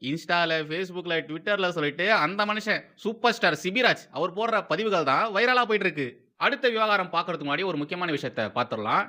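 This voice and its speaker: A man's voice: a little high, sharp tone. A man hosting political commentary, mocking and sarcastic, who repeats phrases for emphasis.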